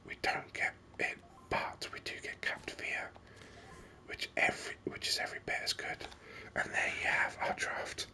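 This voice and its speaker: This gaming host's ASMR commentary is a breathy whisper delivered near the microphone, with slow, tentative musing. The voice is pushed and bright.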